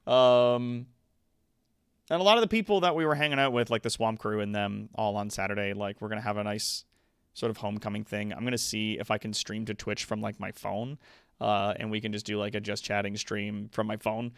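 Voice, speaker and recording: Speaking briskly in a clear, resonant, lowish voice, a man chats casually with his stream viewers from home. He swears freely and drifts into animated asides, and the audio is studio quality with no echo.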